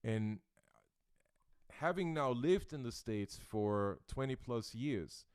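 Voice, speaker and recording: A man's voice: medium pitch, animated, slow pace, darkish tone, clear, resonant tone, no echo, clean studio sound. A male host from Austria chatting in an interview, thoughtful and searching for his words. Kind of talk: casual interview chat. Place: Brooklyn, New York.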